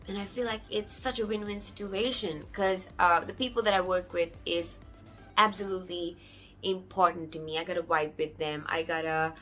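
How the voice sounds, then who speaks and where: A young woman from Sri Lanka talks casually to camera about her music, sounding warm and grateful. Her voice is bright and sits a little low for a woman. Soft music plays faintly underneath. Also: steady tone, moderate pace. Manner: warm, grateful, often laughing softly. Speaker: singer-songwriter.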